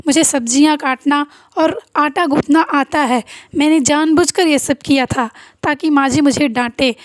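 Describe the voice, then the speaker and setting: A woman's voice: sits high, moderate pace, no echo, studio quality, natural voice. A woman voicing a playful, innocent young bride who answers in simple, plain replies. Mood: earnest.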